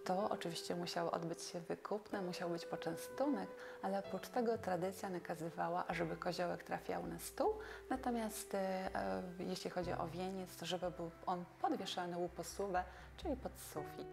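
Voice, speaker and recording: A Polish woman in her forties, an expert on folk customs, explains things in a documentary interview. Her voice is fairly low, gravelly and steady at a normal pace, recorded in a furnished indoor room with music in the background.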